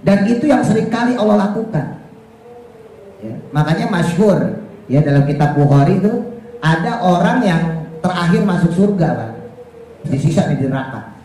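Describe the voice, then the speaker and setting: A man preaching a casual, lively sermon, acting out dialogue with playful humor. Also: sits high, normal speed, long pauses. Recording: very echoey room with faint noise.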